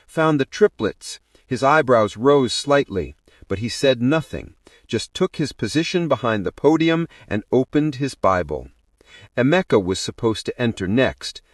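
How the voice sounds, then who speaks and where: A male narrator reading a dramatic story aloud. His pitch moves in a lively way, and the recording is dry and close. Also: no room sound.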